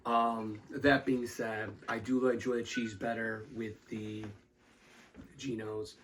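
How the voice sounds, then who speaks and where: A man's voice: fairly low pitch, level tone, slow pace, a bit bright, slight background noise. A man co-hosting a casual pizza review podcast, often stammering and restarting his sentences.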